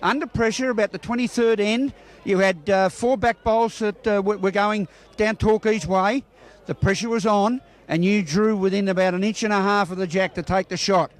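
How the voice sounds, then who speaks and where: Outdoors on a bowling green, an Australian sports reporter interviews bowlers after a match, chatting freely and offering plenty of congratulations. His voice sits high, and he speaks in a steady tone at a moderate pace.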